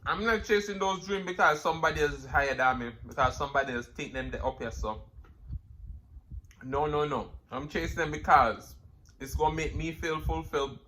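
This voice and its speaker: High-pitched Jamaican man talking while eating fried chicken. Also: a little fast, sharp tone, slight background noise, poor audio. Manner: eating crunchy fried chicken between phrases, with murmured mms; emphatic, repeating phrases, preacherly encouragement. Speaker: mukbang vlogger. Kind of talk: casual motivational talk to viewers.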